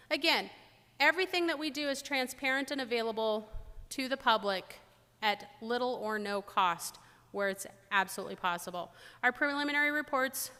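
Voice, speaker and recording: Woman, middle-aged, conference speaker, bright tense voice, blunt and wry, long hall reverb. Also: a little high, clean tone. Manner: blunt, joking, animated storytelling. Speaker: air safety investigator giving a presentation. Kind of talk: conference talk.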